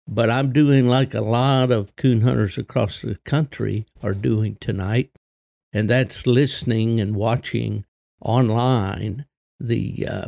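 An older man with a gravelly voice, hosting a solo podcast in a folksy, unhurried, conversational way. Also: medium pitch, warm tone, no room sound, clean studio sound. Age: 60s or older. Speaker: podcast host.

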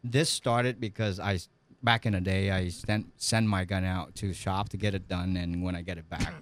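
Vietnamese-accented man in his 40s, engineer guest, halting speech full of fillers, lowish voice. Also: fairly even intonation, no echo. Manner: hesitant, many fillers, broken grammar. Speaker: guest, custom gunsmith and engineer. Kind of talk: casual interview.

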